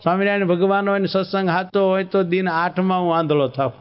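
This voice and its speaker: A man's voice: high-pitched, steady tone, fast talker, smooth, big-room sound, natural voice. A man voicing a proud, scornful male scholar in a devotional story, defiant and boastful. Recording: dull lo-fi recording.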